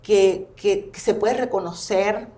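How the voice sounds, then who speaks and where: A woman, a family constellations therapist, chats on a casual podcast as a guest, narrating with lively, expressive energy. She speaks slowly at a medium pitch, and the recording carries a roomy echo.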